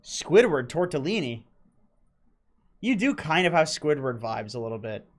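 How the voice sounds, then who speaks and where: A man's voice: mid-range voice, very animated, fairly quick, a bit bright. Teasing male podcast host. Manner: teasing, swearing banter. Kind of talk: casual chat on a video call.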